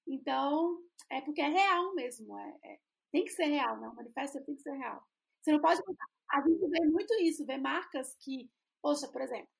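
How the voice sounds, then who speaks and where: With a high, gravelly voice, a Brazilian woman who designs brands talks casually about branding as a podcast co-host. She often starts her phrases over as she searches for what to say.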